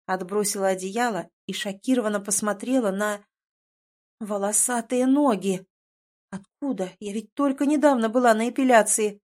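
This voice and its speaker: A woman reading a first-person novel aloud in an expressive, dramatic way. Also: medium pitch, normal speed. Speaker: audiobook narrator.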